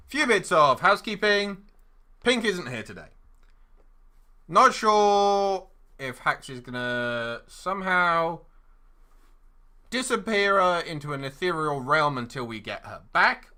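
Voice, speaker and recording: A man's voice: fairly high pitch, bright, forceful tone. A man hosting a tabletop role-playing session, greeting everyone and teasing the other players. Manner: upbeat, teasing, theatrical greetings. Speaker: host and player. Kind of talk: casual tabletop game chat.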